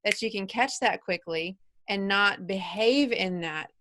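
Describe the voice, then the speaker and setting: A woman's voice: medium pitch, a little slow, a bit bright. A woman in her forties hosting a podcast, talking in an earnest, coaching way and probing her guest with questions. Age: 40s. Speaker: podcast host. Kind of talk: casual interview.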